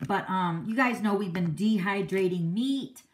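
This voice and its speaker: A woman's voice: mid-range voice, a little slow. Chatty, outspoken woman hosting a livestream. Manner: laughs often. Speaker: card-making livestream host. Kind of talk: casual live-stream chat.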